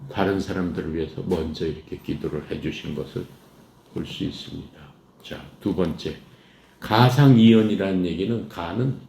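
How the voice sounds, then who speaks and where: A man's voice: low voice, creaky, dark tone. A man preaching a sermon who keeps asking the congregation questions and answering them himself. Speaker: pastor. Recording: echoey room with faint noise.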